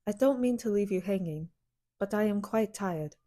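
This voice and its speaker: A woman's voice: mid-range voice, moderate pace, dark tone, natural voice. A woman playing a stern, fiery young woman warrior who speaks in blunt, clipped lines. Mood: dry.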